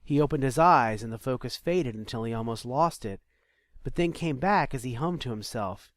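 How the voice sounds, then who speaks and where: A man reading an audiobook chapter in a steady, measured storytelling manner. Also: medium pitch, dry recording. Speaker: narrator. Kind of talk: scripted audiobook narration.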